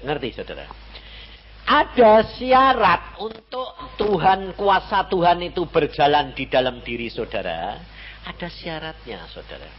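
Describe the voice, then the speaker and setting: A man's voice: sits high, husky, muffled recording. An older man with a Javanese accent preaching a sermon in a conversational way, full of rhetorical questions. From Central Java, Indonesia.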